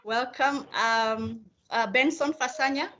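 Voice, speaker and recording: A woman's voice: fairly high pitch, slow, bright, forceful tone. A woman hosting a video meeting, polite and hesitant, with frequent fillers. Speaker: meeting host. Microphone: video call. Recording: slightly dull video-call audio.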